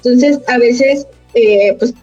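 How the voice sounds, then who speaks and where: A woman's voice: a little high, takes it slowly, warm tone, no room sound, dull audio, faint music behind. A woman, a voice actress, chatting casually and laughing often as she tells stories. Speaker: voice actress guest. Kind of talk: casual chat.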